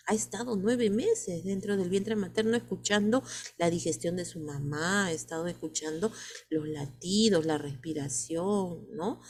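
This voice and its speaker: A woman's voice: fairly low pitch, a little mellow, husky. A woman teacher with a Peruvian Spanish accent, lecturing students and asking many rhetorical questions.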